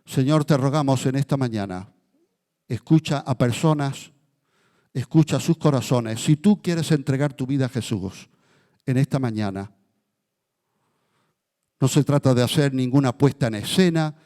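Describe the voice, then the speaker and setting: A man's voice: mid-range voice, long reverb tail. Fervent male pastor praying. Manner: fervent, rising in intensity then dropping to a hushed, slow prayer. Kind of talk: sermon prayer. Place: church.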